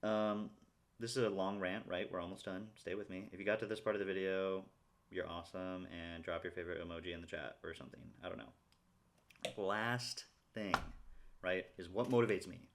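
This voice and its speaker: A man's voice: sits low, fairly even intonation, moderate pace, a little hiss or hum. A young man talking casually to his viewers in a rambling monologue, often checking in with "right?". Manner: rambling, peppers sentences with "right?". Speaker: vlogger.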